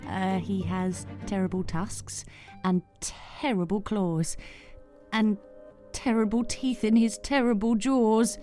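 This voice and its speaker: A woman's voice: medium pitch, steady tone, slow pace, mellow, soft background music, close to an everyday voice. A woman voicing a clever little brown mouse in a storybook reading, polite and bluffing.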